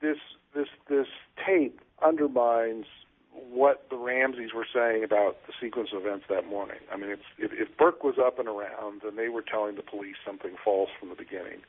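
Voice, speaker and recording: Man, guest, measured speech, phone-line sound. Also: on the low side, steady tone. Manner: measured, many fillers and restarts. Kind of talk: casual discussion.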